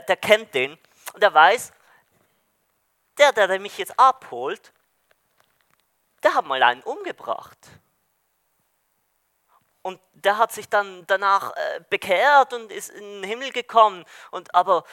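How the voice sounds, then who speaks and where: A male preacher giving a sermon with a high, bright voice. He retells a story in a searching way, with frequent hesitations and restarts. The sound is dry and close. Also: big pitch swings, unhurried, long pauses, no echo.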